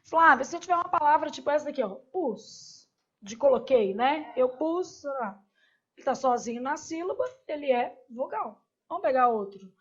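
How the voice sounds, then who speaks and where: Woman, Brazilian Portuguese accent, teacher, very high voice, quizzes and answers herself, slightly muffled sound. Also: expressive, moderate pace. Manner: asks questions and answers them herself. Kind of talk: online grammar lesson.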